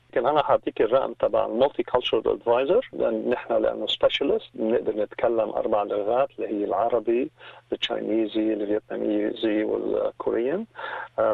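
A man, heard over a phone line on a radio show, explaining small business advice in a measured way with hesitant restarts and English terms. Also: mid-range voice, vocal fry, breathy edge, dry recording. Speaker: small business advisor, interview guest. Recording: tinny dry phone line.

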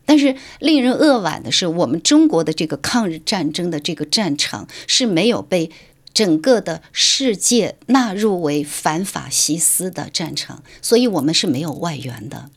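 A woman's voice: on the low side, expressive, normal speed. A woman writer from Shanghai, guest on a radio interview, explaining her views in an articulate, lecturing way.

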